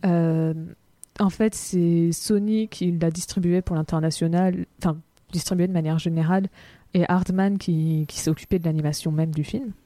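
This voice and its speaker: Dark-voiced woman podcaster. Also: on the low side, steady tone, moderate pace, no room sound. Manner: explains step by step with many fillers. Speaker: podcast co-host. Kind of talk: casual podcast chat.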